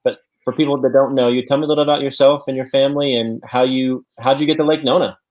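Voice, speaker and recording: Male host, casual chat, upbeat, filler-heavy, mid-pitched. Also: steady tone, fast talker, highs cut off. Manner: upbeat, many fillers like "you know" and "um".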